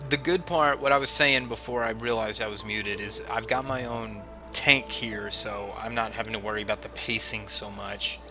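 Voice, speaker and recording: A streamer with a head cold and a chesty cough rambles to his viewers and pokes fun at himself as he plays a game, with game music behind him. His voice is lowish, at normal speed with few pauses.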